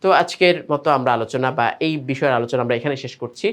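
A man with a Bangladeshi accent teaching a reading lesson, sounding out letters and syllables slowly in a patient, sing-song drill. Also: mid-range voice, heavy background noise.

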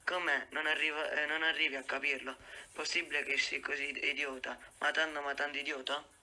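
A man reading a horror story aloud as a student reader, steady with occasional stumbles. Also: a little high, brisk, rough recording.

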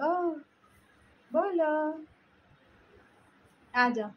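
A woman at home coaxing her cat in a soft, repetitive way, recorded on a phone camera. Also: high voice, expressive, drawn-out words, highs cut off. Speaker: vlogger talking to her cat. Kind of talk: coaxing talk to a pet. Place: home indoors.

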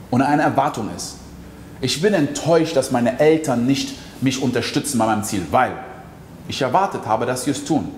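A male mindset coach delivers an emphatic motivational monologue, pressing the listener with direct questions. His voice sits at an ordinary middle pitch. The recording is roomy, with a long hall reverb and faint ambience behind him. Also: a little mellow, a little hiss or hum.

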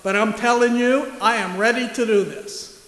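A man's voice: extremely high pitch, steady tone, normal speed, a bit bright. A man voicing Mary as an eager, bold young woman ready to serve, heard in an echoey church hall.

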